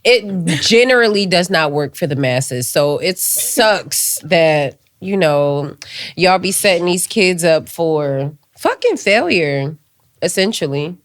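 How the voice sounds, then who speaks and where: Blunt, animated woman teasing her co-host. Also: on the low side, takes it slowly. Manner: blunt, exasperated teasing, swears freely. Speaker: podcast co-host. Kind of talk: casual chat.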